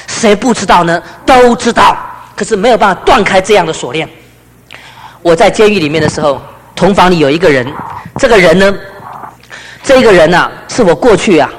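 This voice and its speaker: Fast high-voiced preacher. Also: male voice. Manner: storytelling, swings from loud emphasis to hushed low passages. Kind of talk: testimony sermon. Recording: long hall reverb.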